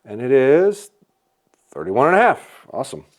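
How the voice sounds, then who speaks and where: This is casual product testing: a man reviews a bow at a shop, talking through measurements as he takes them. Medium-pitched with huge pitch swings and a moderate pace, he sounds upbeat and notes that he has a loud voice.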